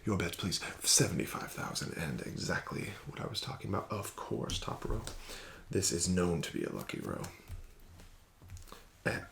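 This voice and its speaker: Playing a casino card dealer for an ASMR roleplay, a man uses soft speech, whispered phrases, and formal, courteous patter that gently coaxes. His low voice is sing-song and creaky at a moderate pace, with a little hiss or hum in the recording.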